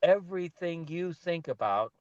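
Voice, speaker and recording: Male guest, digressive and animated talker, recorded over a dull, dry video call line. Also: a little high, moderate pace, no room sound. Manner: loose, digressive, animated storytelling. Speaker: guest, bedding product founder. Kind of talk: rambling conversational pitch on a video call.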